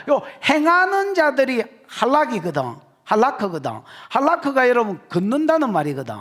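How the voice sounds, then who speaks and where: A man preaching with a strong Gyeongsang accent, his voice sitting very high and swinging widely up and down. He teases the congregation with jokes, then drives his points home with shouted emphasis. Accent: Gyeongsang Korean. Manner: animated, jokey, shouts for emphasis. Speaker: pastor. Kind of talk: expository sermon.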